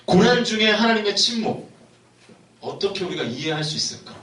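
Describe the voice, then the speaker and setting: Young guy preaching in a church, high bright voice, echoey and a bit far from the mic. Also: expressive, brisk. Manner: asks the congregation questions. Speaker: youth pastor. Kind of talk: sermon. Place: church sanctuary. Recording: echoey hall, mic heard from a distance.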